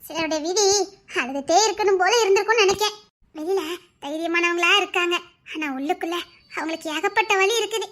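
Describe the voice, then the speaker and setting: A woman with a Tirunelveli Tamil accent playing a young wife who speaks quickly and wistfully. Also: very high-pitched, fairly bright tone. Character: playful young wife turned pensive.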